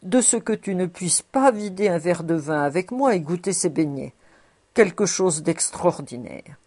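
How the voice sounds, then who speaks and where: A woman's voice: lowish voice, animated, measured pace, a little mellow. A woman voicing a jovial man who teases his old friend in a half-serious, half-mocking way. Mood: coaxing. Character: male landowner, jovial, teasing, fond of food.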